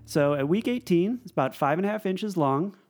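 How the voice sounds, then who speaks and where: A young adult man co-hosting a podcast in relaxed casual chat, with a dry, deadpan humor. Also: high voice, fairly quick. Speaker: podcast co-host.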